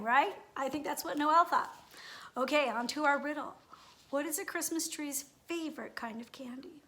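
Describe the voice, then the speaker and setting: Her voice sits high as she animatedly reads a children's story aloud, full of expression and speaking right to the young audience.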